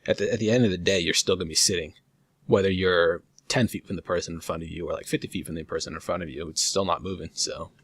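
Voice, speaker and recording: A young man with a very low voice, talking casually on a podcast. He lays out his point at length with plenty of "like" and "you know". The recording is dry and close. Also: steady tone, quick pace, fairly bright tone, no echo. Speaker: podcast co-host. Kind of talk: casual chat.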